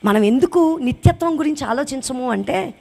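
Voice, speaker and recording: A recently widowed woman giving an impassioned testimony sermon to a congregation, rising high and loud on her emphasis and asking many rhetorical questions. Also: lively intonation, normal speed, creaky. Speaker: church speaker giving a testimony.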